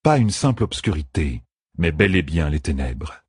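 A husky-voiced man with a very low pitch serves as narrator for a scripted fantasy audiobook. His reading is steady and deliberate. The audio is close and dry, without any room sound.

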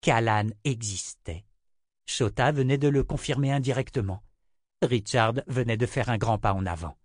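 A man's voice: mid-range voice, normal speed, no room sound. Man narrating a fantasy audiobook, dry sound. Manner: steady, even storytelling. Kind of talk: scripted narration.

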